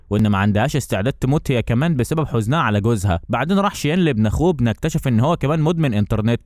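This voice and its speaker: A man with an Egyptian Arabic accent retells an anime plot at a breakneck clip, one event tumbling into the next. His voice sits at an ordinary middle pitch. The recording is dry, with no room sound around it. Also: darkish tone, no echo. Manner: rapid, continuous retelling. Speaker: anime recap narrator. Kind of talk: fast scripted story narration.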